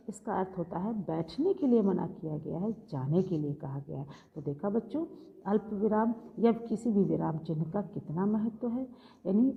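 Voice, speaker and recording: A woman teaching a school grammar lesson, explaining patiently and often addressing her pupils. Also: on the low side. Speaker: Hindi teacher. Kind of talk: recorded classroom grammar lesson. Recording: lo-fi with long hall reverb.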